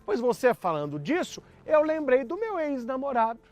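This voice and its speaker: A man's voice: very high voice, huge pitch swings, normal speed, faint music behind, pitched above the performer's own voice, heavily acted. A man imitating an irritated wife who retorts sarcastically in a marital quarrel. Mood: sarcastic retort.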